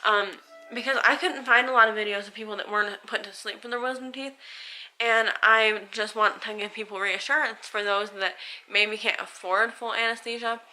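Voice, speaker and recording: A woman's voice: fairly high pitch, steady tone, moderate pace, pushed and bright, soft background music, poor audio. An American woman vlogger chats casually and candidly to camera, rambling a little, with a sore, swollen mouth after dental surgery. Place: at home.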